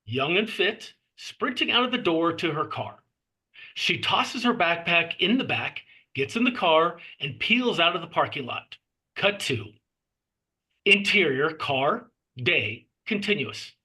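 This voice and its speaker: A man reads a screenplay aloud, very animated, his voice fairly high, forceful and husky-grained. Scene headings come out clipped, while stage directions unfold in measured phrases.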